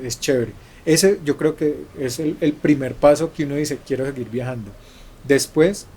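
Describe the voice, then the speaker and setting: Colombian man telling travel stories, mellow voice. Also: mid-range voice. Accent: Colombian Spanish. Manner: restarts and repeats words while telling travel stories. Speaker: journalist guest. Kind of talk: conversational storytelling interview.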